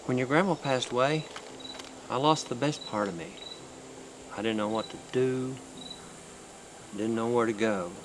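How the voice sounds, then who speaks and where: An older man, playing a grandfather who pleads gently and slowly with his grandson. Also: medium pitch, natural voice. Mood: tender. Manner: gentle, pleading, slow and heartfelt. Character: grieving rural grandfather comforting his grandson. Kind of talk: film drama acting. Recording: crickets and night noise outdoors.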